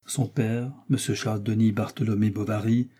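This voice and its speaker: Male audiobook narrator, mid pitch, dark and husky, measured literary reading. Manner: measured, even storytelling delivery.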